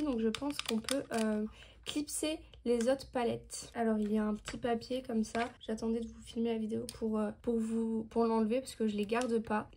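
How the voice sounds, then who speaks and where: A woman's voice: a little high, darkish tone. Chatty young woman beauty vlogger. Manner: chatty, explains each product with many "donc". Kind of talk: casual haul video.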